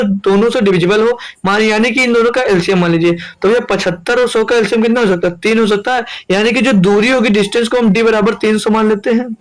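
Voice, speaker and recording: High-voiced man coaching a maths lesson. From India. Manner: repetitive coaxing, asks and answers his own questions. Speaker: maths teacher. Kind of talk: exam-prep maths lesson.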